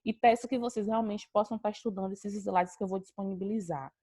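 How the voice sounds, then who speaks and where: A woman's voice: mid-range voice, fairly even intonation, fast talker, mellow, no room sound. A woman teacher, explaining a lesson to students on a video call, talking to them directly. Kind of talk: online class lesson.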